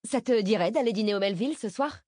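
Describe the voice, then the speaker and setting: A woman reading the part of an insecure young woman who wants to be liked, in a lively confiding tone. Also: medium pitch, fast, no room sound, clean studio sound, pitched above the performer's own voice, lightly acted. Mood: eager. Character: young woman, self-doubting, eager to be liked.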